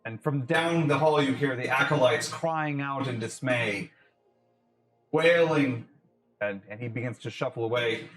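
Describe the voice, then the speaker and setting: A man's voice: mid-range voice, unhurried, fairly bright tone, roomy sound, soft background music. A man narrating a tabletop game as game master, rambling with many fillers.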